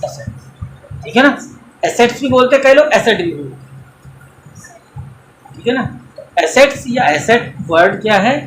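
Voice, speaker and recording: A man's voice: very high voice, expressive, normal speed, long pauses, fairly bright tone, echoey room, faint music behind, poor audio. A man teaching an accounting class in a coaching centre, lecturing in a mix of Hindi and English and quizzing students with everyday examples.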